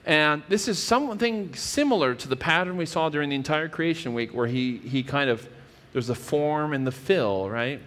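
A man's voice: fairly high pitch, expressive, normal speed, hardly any pauses, fairly bright tone. Earnest male pastor in a reverberant church. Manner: earnest, explanatory preaching with frequent restarts. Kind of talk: sermon. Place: church stage with wood-paneled wall.

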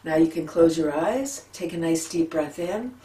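A middle-aged woman leading a gentle relaxation lesson at home, talking softly and sighing out long breaths between exercises. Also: low-pitched, lively intonation, moderate pace, far from the mic. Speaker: laughter yoga leader. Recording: echoey room, a bit off-mic, faint background hum.

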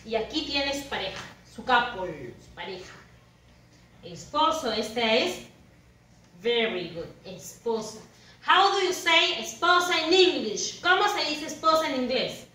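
A woman teaching English to primary school children, slowly drawing out model words for them to repeat and praising them. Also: high-pitched, very animated, sharp tone. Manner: switches between English and Spanish, encouraging praise. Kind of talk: bilingual classroom lesson to camera. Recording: roomy and distant with faint ambience.

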